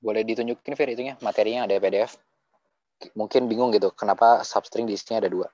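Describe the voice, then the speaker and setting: A man's voice: on the low side, steady tone, fast, dark tone, dry recording. A young man teaching assistant casually adding tips and inviting questions in an online coding tutorial. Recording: dry, dull lo-fi mic.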